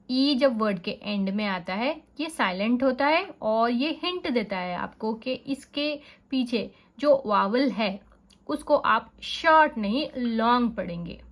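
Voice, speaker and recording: Woman, phonics lesson, slow deliberate pace, breaks words into sounds. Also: on the high side. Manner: sounds out words slowly, letter by letter; mixes English terms into explanations. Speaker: teacher.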